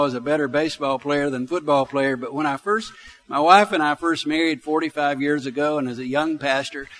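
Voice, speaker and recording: With a Southern accent from his Alabama roots, this man in his sixties delivers a sermon as a pastor, weaving in personal stories in a folksy, chatty style and repeating phrases to drive points home. His voice leans high and a bit bright.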